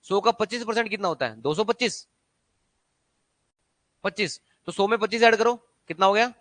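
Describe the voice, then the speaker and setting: A man's voice: high voice, normal speed, a bit bright, no room sound. A man teaching an exam-prep maths lesson, constantly quizzing students with rhetorical questions.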